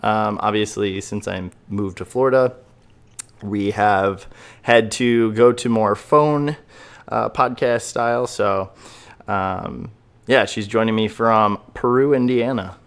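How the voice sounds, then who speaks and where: A man's voice: on the low side, slow, clean tone. A man hosting a casual podcast interview, upbeat and enthusiastic, with frequent fillers. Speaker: podcast host.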